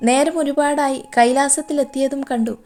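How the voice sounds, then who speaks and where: A woman tells a dramatic story in a steady, expressive way. Her voice sits a little high, and gentle music plays softly underneath. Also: normal speed.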